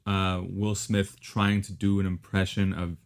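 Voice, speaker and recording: Low-voiced man weighing his words. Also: little pitch movement, clean tone. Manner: measured, hesitant, with ums and restarts. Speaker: podcast co-host. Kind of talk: casual film discussion.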